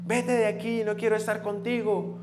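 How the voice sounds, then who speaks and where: A man voicing an upset five-year-old boy who whines in a high voice through his tantrum. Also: flat delivery, normal speed, background noise, natural voice. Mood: defiant. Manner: whiny, high-pitched child's protests. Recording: echoey church hall, faint guitar.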